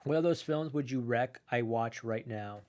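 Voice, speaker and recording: A man's voice: mid-range voice, normal speed, darkish tone. A man streaming live from his computer, chatting casually while he eats, rambling and swearing with lots of "like" and restarts. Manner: rambling, profane, full of "like" and restarts; chews and munches while talking.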